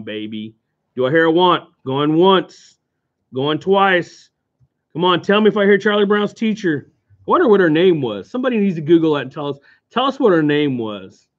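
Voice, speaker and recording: A man's voice: high-pitched, expressive, normal speed. A man with an Oklahoma accent hosting a live card sale from a game store, joking and hawking prices to viewers. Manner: jokey, playful hawking. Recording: dull lo-fi stream audio.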